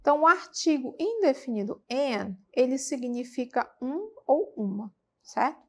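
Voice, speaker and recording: A woman with a Brazilian accent teaching a televised English lesson, patiently repeating words slowly for students. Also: sits high, expressive. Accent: Brazilian Portuguese. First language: Portuguese.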